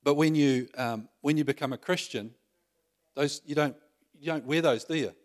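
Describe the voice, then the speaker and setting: A man's voice: fairly high pitch, moderate pace. Man preaching with chatty tag questions. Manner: self-deprecating humor. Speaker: pastor. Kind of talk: sermon.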